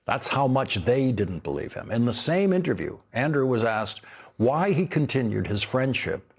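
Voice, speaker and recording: An older man delivering scripted news commentary as an anchor, emphatic and indignant with deliberate phrasing. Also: mid-range voice, very animated, breathy edge.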